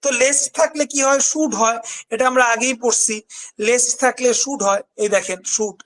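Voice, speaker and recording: A man's voice: extremely high pitch, fairly even intonation, normal speed, fairly bright tone. A man from Bangladesh teaching English grammar in a live online class, repeating key points and asking questions back to his students. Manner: repetitive, drilling questions and answers.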